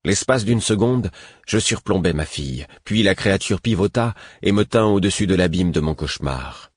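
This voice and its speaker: A man narrating a fantasy novel in the first person, steady and measured. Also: low-pitched, slightly rough, no room sound, studio quality. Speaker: audiobook narrator.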